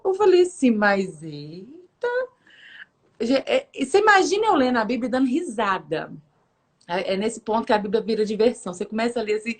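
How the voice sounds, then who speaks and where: Woman in her 30s chatting about her faith, high voice, jumps up and down in pitch doing everyone's voices, laughs a lot. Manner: lively, acts out quoted voices with big pitch jumps; laughs often while telling. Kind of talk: casual storytelling testimony.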